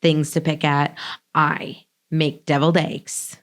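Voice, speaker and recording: An American woman with a hoarse, raspy, whispery voice that is nearly gone, chatting casually as a podcast co-host. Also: sits low, little pitch movement, slow pace. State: hoarse, losing her voice. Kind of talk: casual chat.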